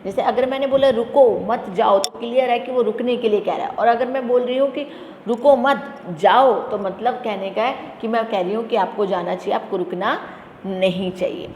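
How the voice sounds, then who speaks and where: A woman's voice: on the high side, steady tone, a little mellow, dull audio. Woman teacher, echoey room. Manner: asks questions then answers them herself; reads English definitions slowly and deliberately. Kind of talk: explanatory lecture to students. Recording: echoey room with faint background noise.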